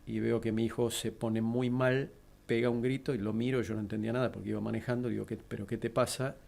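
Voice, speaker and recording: A middle-aged man with an Argentine accent, a guest in an interview, calmly recounting a personal tragedy. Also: mid-range voice, vocal fry. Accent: Argentine Spanish. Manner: measured, steady, composed.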